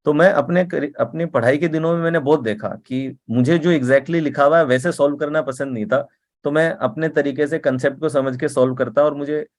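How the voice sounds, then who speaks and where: A man giving a motivational talk in a conversational way, often checking in with the listener and repeating words for emphasis. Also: a little high. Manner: conversational, often asks "ठीक है?" and "right?".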